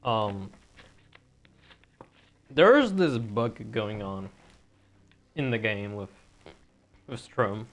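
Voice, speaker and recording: A man's voice: lowish voice, animated, extremely slow, pauses often. A man streaming a video game, talking casually and rambling with frequent stutters while feeling a little sick. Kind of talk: casual gameplay commentary.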